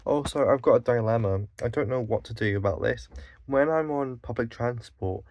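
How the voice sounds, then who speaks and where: Speaking at a normal speed in a mid-range, faintly mellow voice, a Scottish vlogger unloads a profane, blunt monologue. Exasperation runs through it, along with frequent swearing, sighs and self-corrections.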